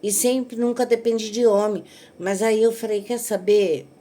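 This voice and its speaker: Senhora brasileira desabafando, bem animada. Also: female voice, a little high, moderate pace. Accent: Brazilian Portuguese. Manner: animated storytelling, acts out quotes of others. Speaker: vlogger. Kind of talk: venting monologue to viewers.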